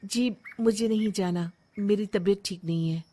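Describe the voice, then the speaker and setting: A woman's voice: mid-range voice, normal speed, warm tone, lightly acted. A woman playing a frustrated, reluctant young daughter-in-law in a cartoon story, with plaintive delivery. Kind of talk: animated moral story dialogue.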